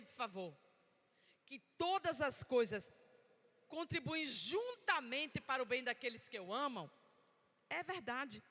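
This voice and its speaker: A woman's voice: high voice, fairly bright tone. A woman from Bahia, preaching a sermon and prompting the congregation to answer her. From Bahia, Brazil. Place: church sanctuary. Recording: long church-hall reverb.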